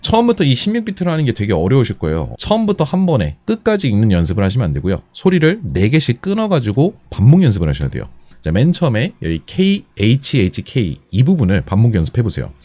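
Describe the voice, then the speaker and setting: A man teaching a beatbox lesson step by step, patient and methodical, repeating each instruction slowly. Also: medium pitch, huge pitch swings, mellow, no room sound. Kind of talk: step-by-step tutorial explanation.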